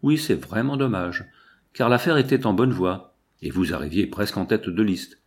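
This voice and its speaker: A man's voice: fairly low pitch, normal speed, darkish tone, breathy edge. A man voicing a kindly prison pastor who speaks in a fatherly, lamenting way. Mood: sorrowful.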